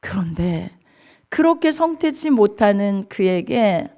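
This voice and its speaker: A woman pastor preaching at a church revival meeting, dropping to soft asides and rising to crying shouts. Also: mid-range voice, very animated, slow. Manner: leads the congregation in Bible reading. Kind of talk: revival sermon.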